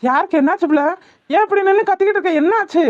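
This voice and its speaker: A woman voicing a protective village uncle who scolds quickly, in a cartoon, with a southern Tamil village dialect. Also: extremely high pitch, no echo, lo-fi sound. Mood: scolding.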